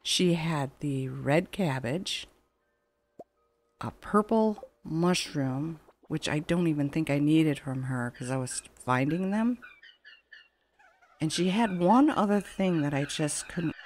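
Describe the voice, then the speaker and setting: Slow and darkish in tone, a woman's low voice narrates game footage with game music underneath. She's a gaming channel host offering chatty, meandering let's play commentary.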